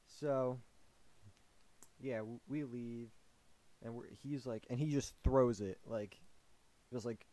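A young man tells a story for his vlog audience in a loose, rambling way. He is full of fillers and restarts, and his voice sits mid-range with a mellow, soft tone. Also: medium pitch, fairly even intonation, takes it slowly, pauses often. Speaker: vlogger.

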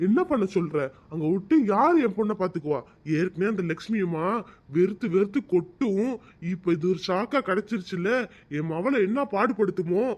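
A man voicing an angry, protective middle-aged village father in a cartoon, loud and scolding. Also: high-pitched, lively intonation, moderate pace, highs cut off. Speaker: father of the bride.

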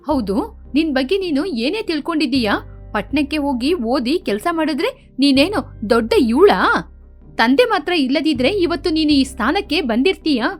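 A woman's voice: high voice, expressive, normal speed, soft background music. A woman voicing a stern, loyal older sister from the village who scolds firmly. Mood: scolding. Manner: scolding, firm.

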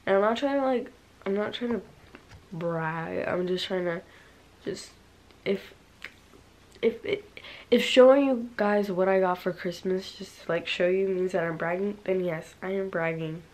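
A woman's voice: mid-range voice, unhurried, darkish tone. A teenage girl in her bedroom, chatting in a casual haul vlog, bubbly and rambling with lots of fillers. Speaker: vlogger.

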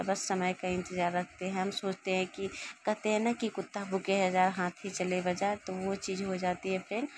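A woman's voice: mid-range voice, noisy background. A woman in her thirties, a mother talking casually to her viewers in a chatty, repetitive way while cooking in her home kitchen. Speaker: vlogger and mother.

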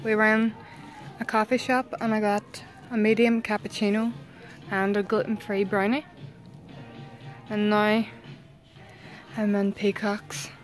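A woman's voice: mid-range voice, little pitch movement, unhurried, long pauses, faint music behind. A young woman chatting casually to camera as a vlogger, talking to her baby and pets and swearing offhandedly. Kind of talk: casual vlog chat. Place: home and then out in town.

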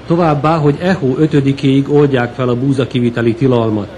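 A man reading a news report in a formal, even voice-over. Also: mid-range voice, a little hiss or hum. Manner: even, formal read delivery. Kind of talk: scripted news narration.

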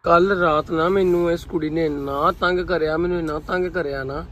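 A man talking casually to the camera in a family vlog, in a quiet, subdued way. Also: a little high, fairly even intonation, brisk, muffled recording. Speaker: family vlogger.

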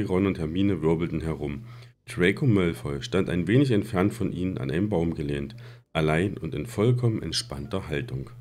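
A man reading a novel aloud in a plain, steady voice for an audiobook series. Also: low-pitched.

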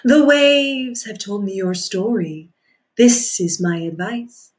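A woman voicing a wise old female octopus in a deep, slow, solemn manner. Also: animated.

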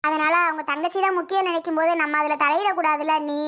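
A child voicing a gentle, tearful young married woman who pleads and apologizes. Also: sits high, steady tone, quick pace. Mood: pleading. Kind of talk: homemade family drama.

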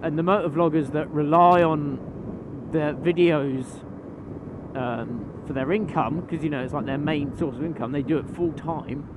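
A man's voice: fairly high pitch, measured pace. Young guy vlogging from a motorbike. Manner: chatty, swears casually, rambling with fillers. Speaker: motovlogger. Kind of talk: casual vlog while riding. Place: riding a motorbike at night on city roads. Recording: road and engine noise behind.

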